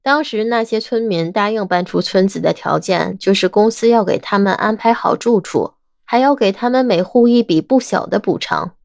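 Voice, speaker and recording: A woman voicing a sharp, stubborn young investigator who argues everything, in an audiobook drama, with a wry, argumentative manner. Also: medium pitch, normal speed, vocal fry, few pauses, no room sound, studio quality, close to an everyday voice. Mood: knowing.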